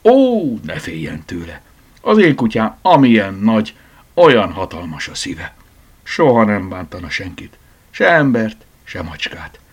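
A man playing a polite, formal older gentleman with gray hair in a storybook. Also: lowish voice, big pitch swings, breathy edge, voice pushed up. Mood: courteous. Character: courtly gray-haired older gentleman with a deep voice.

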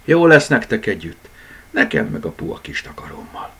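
A man voicing a small sleepy girl who bosses her toys, in a high, breathy child voice. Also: very animated, fairly bright tone, heavily acted. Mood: indignant.

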